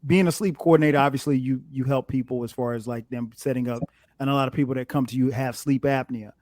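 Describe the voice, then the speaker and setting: A man's voice: mid-range voice, fairly even intonation, fast, a little mellow, no room sound. A man hosting a casual interview, speaking in a colloquial, anecdotal way. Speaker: interviewer, host.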